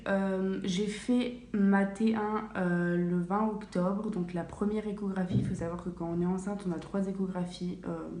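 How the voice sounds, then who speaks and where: A woman's voice: medium pitch, mellow, slight background noise. A young woman vlogger chatting casually in a small bathroom at home, with lots of fillers and self-corrections. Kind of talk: casual vlog storytelling. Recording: echoey bathroom, faint room ambience.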